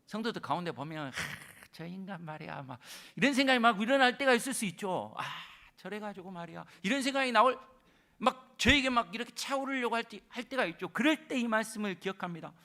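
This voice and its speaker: A male pastor preaches with a high, lively voice that climbs and falls. He swings from booming declarations down to near whispers. His tone is bright and forceful throughout. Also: quick pace. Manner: dramatic swings between booming proclamation and soft whisper. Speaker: senior pastor. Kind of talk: sermon.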